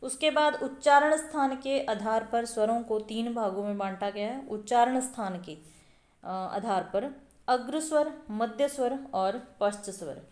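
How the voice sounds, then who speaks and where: A woman with a fairly high, darkish voice teaches an exam-prep lesson a little slowly, explaining each step and sounding out vowels aloud. She repeats sounds and uses many fillers, and the recording is reverberant.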